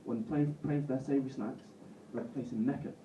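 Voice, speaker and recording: A man in his twenties from Bolton with a Northern English accent, doing a live stand-up set in a self-deprecating, halting way with frequent swearing. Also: medium pitch, steady tone, warm tone, slight background noise. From Bolton, England. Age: 20s. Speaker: stand-up comedian. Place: comedy club stage. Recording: roomy, distant, muffled live recording.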